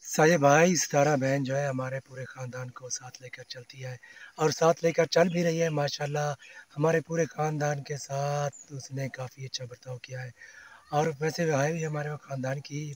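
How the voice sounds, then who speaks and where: A man's voice: a little high, little pitch movement, moderate pace. Earnest, devout man vlogging. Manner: earnest, devout, repeats phrases often. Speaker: family vlogger. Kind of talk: casual vlog talk to viewers. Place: outdoors among fields, then walking.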